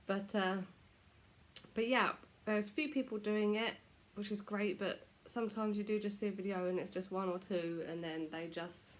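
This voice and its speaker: At home, a British vlogger chats casually to the camera, poking fun at herself while a cold leaves her nose stuffy. Her voice is medium in pitch, with a steady tone and a moderate pace.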